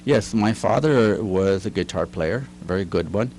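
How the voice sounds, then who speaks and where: A middle-aged man who teaches and writes is a guest in a studio interview, telling stories in a chatty way. His voice is lowish and darkish with lively intonation at a normal speed, and there's a slight hiss or hum. He laughs often and acts out the lines he quotes.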